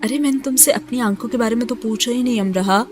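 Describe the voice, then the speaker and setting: A woman voicing a playful, teasing young male student in a romance audiobook, speaking gently and without hurry. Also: a little high, faint music behind, lightly acted.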